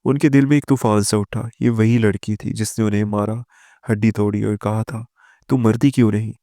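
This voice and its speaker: A man narrating a scripted moral story in a steady, even delivery. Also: on the low side, dry recording, clean studio sound.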